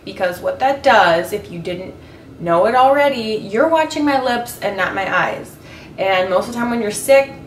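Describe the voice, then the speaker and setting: A young woman with a cold-roughened, raspy voice, chatting playfully as she gives a makeup tutorial. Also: mid-range voice, far from the mic, slight background noise. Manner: chatty and playful, self-mocking asides. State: hoarse from a cold. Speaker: beauty vlogger. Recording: echoey room, voice a bit off-mic.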